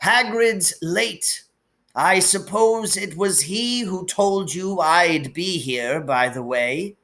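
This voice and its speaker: A calm old wizard from a storybook, acted out by a man reading aloud. He speaks very slowly in a raised voice, heavy, firm and serious. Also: sits high, voice pushed up, exaggerated voice. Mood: grave. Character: calm, grave, wise old male wizard.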